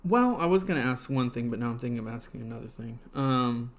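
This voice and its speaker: A man's voice: medium pitch, quick pace. A man hosting a casual live stream, rambling and filling gaps with ums and uhs. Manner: rambling, heavy on fillers and restarts. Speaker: livestream host.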